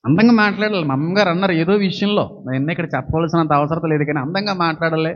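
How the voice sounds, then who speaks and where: Fast, high-voiced preaching man. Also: highs cut off. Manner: animated preaching, swings from soft to loud. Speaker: pastor. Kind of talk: sermon.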